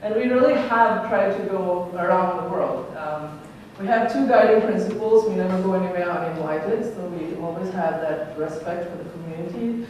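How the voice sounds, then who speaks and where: A Sri Lankan woman, a robotics researcher, gives an earnest conference talk full of ums and uhs in a lecture hall. Her voice is fairly low and darkish, at a normal speed, with slight background noise. It's recorded from far off in an echoey hall.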